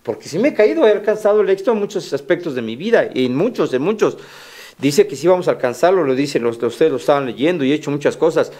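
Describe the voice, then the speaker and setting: A man's voice: a little high, lively intonation, fast talker, a little mellow. A man with a Mexican Spanish accent co-hosting a radio talk show, speaking candidly and bluntly about himself and laughing often. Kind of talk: casual radio chat.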